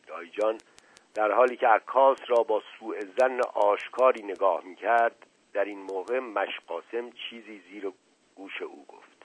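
A man narrating a novel in a lively storytelling manner, in a dull lo-fi radio recording. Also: lowish voice, husky. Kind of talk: novel reading.

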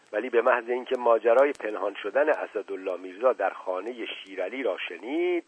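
A man narrating a novel aloud in an expressive storytelling manner. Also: mid-range voice, husky, no echo. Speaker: audiobook narrator. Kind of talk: dramatic reading of a novel. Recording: tinny phone-like dry recording.

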